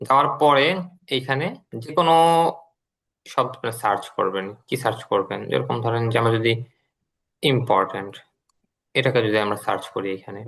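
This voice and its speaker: A man's voice: mid-range voice, brisk, gravelly, long pauses, a bit bright, poor audio. A man teaching an online English class, explaining patiently and repeating drills for students.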